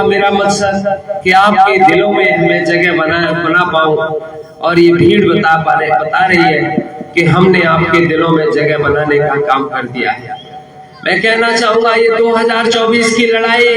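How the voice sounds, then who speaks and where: A man giving a booming political rally speech as a candidate, oratorical, repeating phrases and calling on listeners to answer. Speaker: election candidate. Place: public election rally before a crowd. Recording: roomy distant PA sound with loud crowd.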